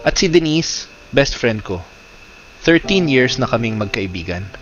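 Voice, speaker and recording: A man narrating a dramatic first-person story in short, clipped phrases, rising to shouts in the quoted outbursts. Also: mid-range voice, big pitch swings, a little slow. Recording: slightly dull audio under loud music.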